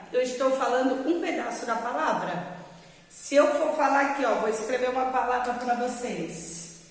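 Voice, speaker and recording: A Brazilian woman teaching a lesson to young children, explaining slowly and patiently and often asking whether they follow. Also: sits high. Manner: slow, patient explaining with checking questions. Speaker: primary school teacher. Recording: very echoey room with long reverb.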